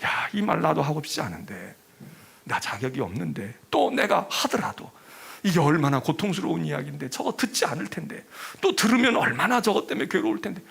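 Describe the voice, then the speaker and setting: An anguished male prophet pleads with God, torn over his task, as a preacher puts him on. The voice is husky and rough, pitched higher and climbing with strain. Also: sing-song, fairly quick, fairly bright tone, heavily acted. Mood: pleading.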